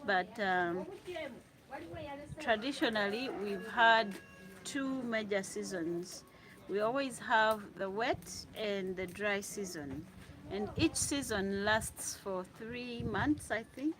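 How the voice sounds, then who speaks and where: A woman's voice: medium pitch, slow pace. A Ugandan woman hosting a casual livestream from her room, chatting with viewers, reading out their comments and laughing often. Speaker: livestream host. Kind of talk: casual live chat with viewers.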